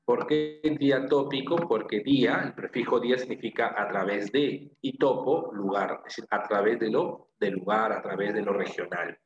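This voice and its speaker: Speaking at a moderate pace with few pauses, a man with a lowish voice delivers a language class as a classroom lecture. He is Peruvian, has a Peruvian Spanish accent, breaks explanations into steps, repeats key phrases, and frequently checks in with "¿no?" and "¿ok?". The audio is reverberant and the highs are cut off.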